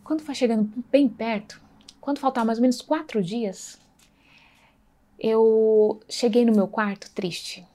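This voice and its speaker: A woman with a dark-toned voice on the high side speaks a little slowly as she recounts her faith testimony. Earnest and conversational, she acts out dialogue and often turns to her listeners with tag questions.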